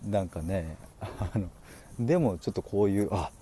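A man hosting a casual livestream, reading out listener comments and chatting in an animated way with frequent laughs. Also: slight background noise. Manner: chatty and animated, laughing often, with quick pitch jumps. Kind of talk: casual solo livestream chat.

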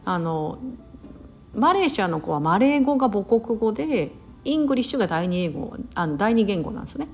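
A woman's voice: medium pitch, sing-song, fairly quick, a little mellow, faint music behind. A woman from Osaka chatting casually on her podcast, full of fillers and self-corrections. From Osaka, Japan. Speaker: podcast host. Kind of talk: casual solo talk.

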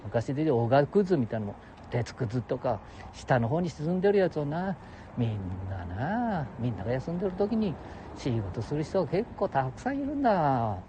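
Gruff older man, heavy ramble. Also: a little high, sing-song, normal speed, noisy background. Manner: gruff, jokey, talks to listeners as "お前". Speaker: solo audio show host. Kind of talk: rambling casual monologue. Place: outdoors beside a public toilet.

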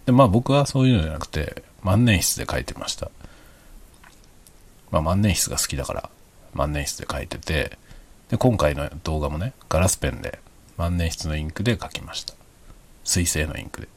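A middle-aged man chatting casually and quietly, as if late at night, in an easygoing, explanatory way. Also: animated, fairly quick, pauses often. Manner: speaks quietly in a hushed, low night-time voice. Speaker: hobby vlogger.

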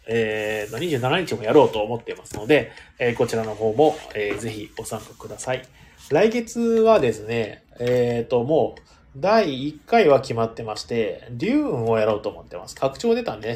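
A man hosting a casual live audio stream, chatting loosely with lots of fillers and reading listener comments, his voice hoarse and fading. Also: medium pitch, darkish tone, a little hiss or hum. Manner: rambling and chatty, many fillers, talks to himself. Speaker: live audio stream host, board game venue owner.

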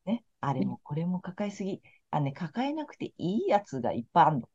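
Low, quick-talking woman tarot counselor on a podcast. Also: big pitch swings, a little mellow, slightly rough. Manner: chatty, frank, laid-back. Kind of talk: casual podcast chat. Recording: slightly muffled lo-fi audio.

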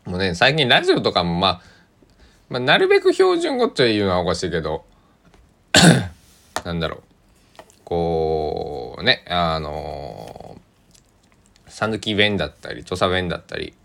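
A man with a deep voice and a Kochi accent hosts a casual solo radio show. He rambles at an easy pace, pausing often and trailing into soft asides. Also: sing-song, creaky. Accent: Kochi (Tosa) Japanese. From Kochi, Japan. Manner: rambling, unhurried, many hesitations and soft asides. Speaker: podcast host.

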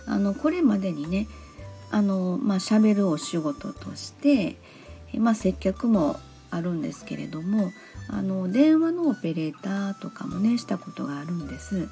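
A woman's voice: mid-range voice, lively intonation, moderate pace, creaky, dark tone, faint music behind. A woman from Osaka with a Kansai accent, hosting a casual solo talk show in a polite, chatty way with many fillers. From Osaka, Japan. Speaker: podcast host.

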